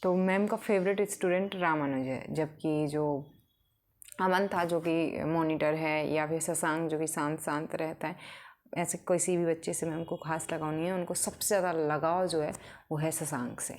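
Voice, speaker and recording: A woman's voice: low-pitched, fairly even intonation, moderate pace, a little mellow. A woman telling a story in a casual, unscripted way, with fillers. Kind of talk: storytelling narration.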